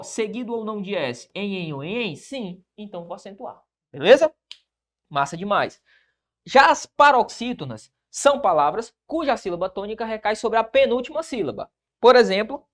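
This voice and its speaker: A man's voice: high voice, fairly bright tone. Brazilian male teacher, exam-prep lesson; upbeat, wide-ranging delivery, asks his own questions. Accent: Brazilian Portuguese. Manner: asks students' questions aloud, then answers them, upbeat. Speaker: Portuguese teacher for public exams.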